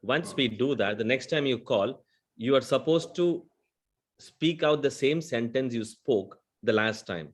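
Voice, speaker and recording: A man's voice: mid-range voice, lively intonation, a little slow. A man with a South Indian accent, explaining things earnestly in a webinar panel discussion and checking in with "right?" often. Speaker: conversational AI vendor executive.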